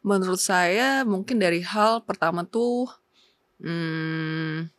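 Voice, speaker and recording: A woman's voice: on the low side, slow, no echo. A young woman, a company co-founder as a talk show guest, explaining with figures and many fillers, slipping in English words. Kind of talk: casual talk show interview.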